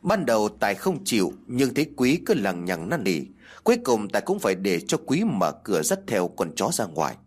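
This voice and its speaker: Husky male ghost-story narrator. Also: on the low side. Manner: expressive, measured.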